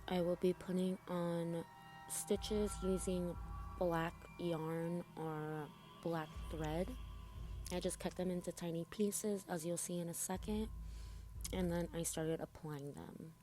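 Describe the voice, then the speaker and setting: A woman's voice: lowish voice, steady tone, slow, dark tone, faint music behind. A woman doing a casual, chatty tutorial voice-over, speaking informally to her viewers with braces in her mouth. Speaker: makeup tutorial host.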